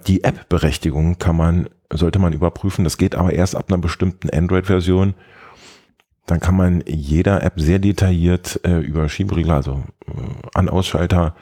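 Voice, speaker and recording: Man, very low voice, husky tone, casual tech podcast chat, halting with fillers. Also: warm tone. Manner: hesitant, many fillers, explains step by step. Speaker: podcast co-host.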